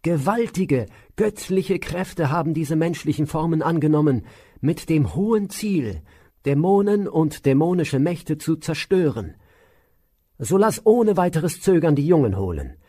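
A man's voice: fairly high pitch, big pitch swings, a little slow, dark tone, pitched above the performer's own voice, heavily acted. A man voicing a wise old royal teacher who speaks in a solemn, reassuring way.

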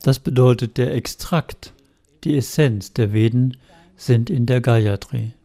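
Male interpreter with a warm, mellow voice, steady and measured. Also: medium pitch, creaky. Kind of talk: interpreting a sermon.

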